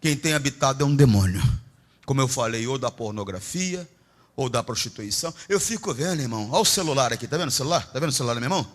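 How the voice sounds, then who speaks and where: A middle-aged Brazilian man preaching a Pentecostal sermon, swinging between shouts and low, confiding asides. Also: animated, fast. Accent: Brazilian Portuguese. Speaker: pastor.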